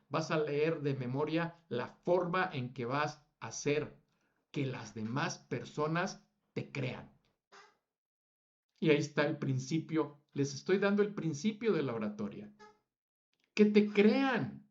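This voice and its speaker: A man's voice: a little high, highs cut off. Emphatic man lecturing on public speaking. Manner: emphatic, lists words with rising stress; self-correcting slips. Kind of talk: lecture to students.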